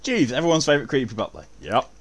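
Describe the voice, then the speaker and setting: A man's voice: medium pitch, very animated, fast talker, breathy edge. A man chatting casually as he streams and comments on a video game.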